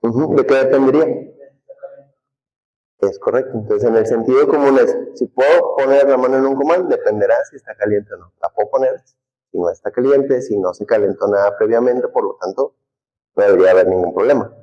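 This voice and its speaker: A male teacher lectures a class in a relaxed, conversational way. His pitch sits in the middle of the male range. He keeps throwing questions at the students and answering them himself. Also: fairly quick, highs cut off.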